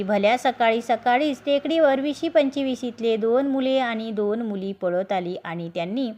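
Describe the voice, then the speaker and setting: Lady reading a bedtime story, kinda high voice, calm and steady. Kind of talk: scripted story narration.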